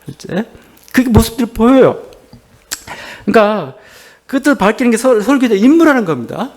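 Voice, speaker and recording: A man's voice: very high-pitched, sing-song, normal speed. A man preaching a Sunday sermon as pastor, asking the congregation questions and slipping into paraphrased dialogue. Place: church service.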